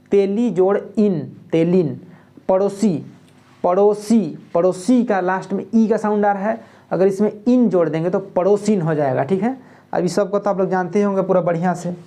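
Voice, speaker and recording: A woman's voice: medium pitch, brisk, mellow. A woman with a Jharkhand Hindi accent teaching an exam-prep grammar lesson, explaining step by step and often checking "okay" with her students. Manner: explanatory, repeats "ठीक है" often, reads Nagpuri lines aloud.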